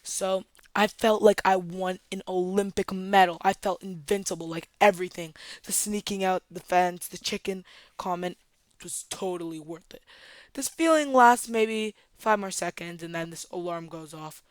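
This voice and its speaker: Woman, storytime vlog narration, dramatic, chatty, talks to viewers, slightly low voice, dry recording. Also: moderate pace, dry recording. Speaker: storytime vlogger.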